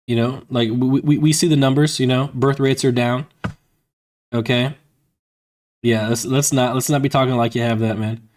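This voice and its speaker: A man's voice: mid-range voice, steady tone, normal speed, a little mellow. A man in his thirties chatting casually on a livestream, rambling and filling his talk with "man" and "you know". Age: 30s. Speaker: livestreamer reading chat. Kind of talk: casual stream chat.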